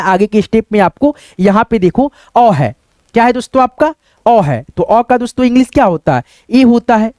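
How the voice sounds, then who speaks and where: Guy teaching beginners, kinda high voice, dry close sound, keeps repeating stuff and spelling out sounds slow. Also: darkish tone, no echo. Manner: addresses viewers as friends, repetitive and drilling. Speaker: English teacher. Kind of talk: online lesson explaining letters.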